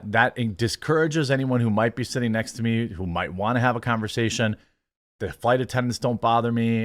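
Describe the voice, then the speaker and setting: A man hosting a show, giving casual reaction commentary in a rambling, halting, conversational way. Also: on the low side, fairly bright tone, dry recording.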